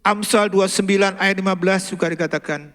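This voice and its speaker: A middle-aged male pastor with an Indonesian accent, preaching a sermon and telling family stories, moving from loud emphasis to soft asides. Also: sits high, fairly even intonation, fast, in a large hall. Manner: storytelling, acts out dialogue, swings from loud emphasis to soft asides. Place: large church hall.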